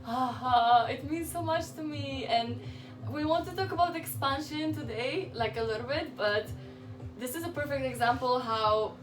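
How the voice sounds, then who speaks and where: A woman hosting a casual spiritual chat, bubbly and giggly, talking in quick bursts. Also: high-pitched, roomy sound, far from the mic, faint music behind. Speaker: channel host. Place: flat in London.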